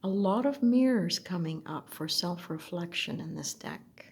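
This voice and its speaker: A woman slowly looking through an oracle deck, speaking softly and at times dropping to a whisper. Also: on the low side, lively intonation, gravelly. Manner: soft, slow, gently admiring, drifts into whispers. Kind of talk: slow unboxing commentary.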